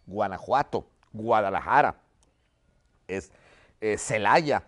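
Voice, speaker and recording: The man teaching this history lesson speaks slowly, his voice on the low side. His storytelling is vivid and animated, punctuated by frequent "¿ok?" check-ins.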